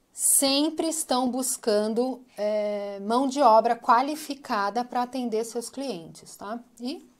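Higher-voiced Brazilian woman speaking with a retainer. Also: a little mellow. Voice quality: speaking with a dental retainer in, slightly impeded articulation. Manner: chatty, explanatory, frequent tag questions. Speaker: craft instructor. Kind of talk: informal craft lesson to camera. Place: small home craft studio, indoors. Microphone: lapel mic.

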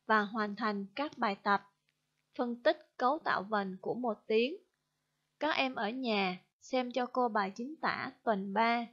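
A Vietnamese woman, a primary school teacher, explaining a spelling lesson slowly and carefully, syllable by syllable. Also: on the high side, a bit bright, dull audio. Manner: slow, careful dictation-style explanation. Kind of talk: recorded online spelling lesson.

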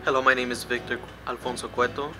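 A man's voice: mid-range voice, little pitch movement, quick pace, music in the background. A young man in his early twenties giving an earnest testimonial to the camera as a scholarship student. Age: young adult. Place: indoors in front of a logo wall.

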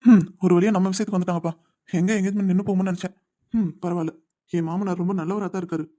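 A woman's voice: fairly low pitch, fairly even intonation, racing, mellow, natural voice. A woman doing a smug scheming groom. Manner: smug, sly asides. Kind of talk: animated web series voice acting.

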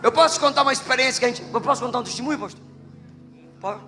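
A male Brazilian pastor preaching a sermon, telling a testimony as a lively storyteller who jokes with the congregation. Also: very high voice, very fast, creaky. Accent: Brazilian Portuguese. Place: church hall. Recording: long church hall reverb with faint music.

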